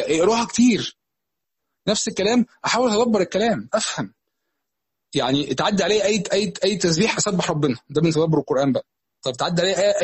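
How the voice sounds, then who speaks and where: A man with an Egyptian Arabic accent teaches at a very fast clip, restarting and repeating words as he goes. His voice is husky and a little high. The recording is dry, with no room echo. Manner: fast, conversational teaching with many restarts and repetitions. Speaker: preacher. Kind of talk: religious lesson.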